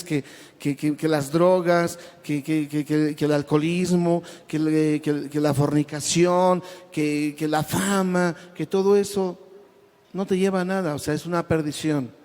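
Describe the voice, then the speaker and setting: A man's voice: a little high, a little mellow. A man giving an emotional church testimony, stumbling over repeated words and calling listeners brother. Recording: long hall reverb.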